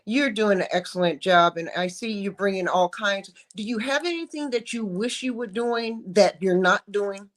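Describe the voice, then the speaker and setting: A woman nearing sixty hosts a casual interview. Her voice is mid-pitched, and she gushes with praise, calling things fabulous and lovely. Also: normal speed, hardly any pauses. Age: 50s. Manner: effusive, gushing with praise. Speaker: interviewer host.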